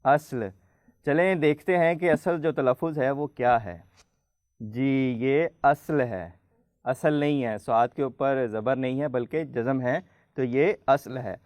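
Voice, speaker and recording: A male host of a children's show talks at a middling pitch in a patient, teacherly way. He draws the letters out slowly and asks the kids questions one by one. The sound is close and dry, with no room behind him. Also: a little mellow, no room sound. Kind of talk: friendly studio hosting for children.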